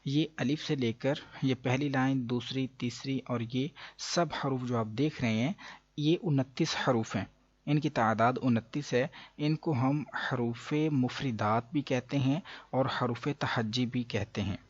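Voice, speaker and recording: A man with a Pakistani Urdu accent teaching Quran reading, explaining patiently and drawing letters out slowly, with many hesitations. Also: mid-range voice, fairly even intonation, husky, dull audio. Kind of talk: explanatory lesson.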